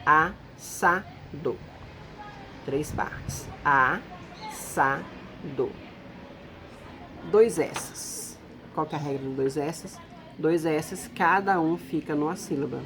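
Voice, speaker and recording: A woman's voice: low voice, fairly even intonation, unhurried, noisy background. A woman teacher giving a recorded lesson, explaining patiently step by step and checking in with her students.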